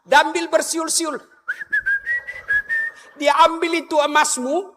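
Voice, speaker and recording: High, bright-voiced preacher man. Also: takes it slowly. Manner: animated, jokes, questions the audience directly. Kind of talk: humorous sermon. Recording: echoey hall with long reverb.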